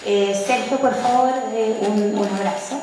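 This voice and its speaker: A woman presenting a book at a launch event, speaking slowly with hesitant fillers and reciting verse. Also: a little high, steady tone, background noise. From Chile. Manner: slow, measured, with hesitant fillers. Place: event hall. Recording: very echoey hall, mic at a distance.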